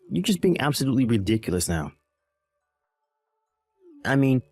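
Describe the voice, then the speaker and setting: A man's voice: on the low side, darkish tone, no room sound. A man voicing a callous, dismissive husband. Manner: dismissive, irritated, belittling. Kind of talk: voice-acted text-message drama.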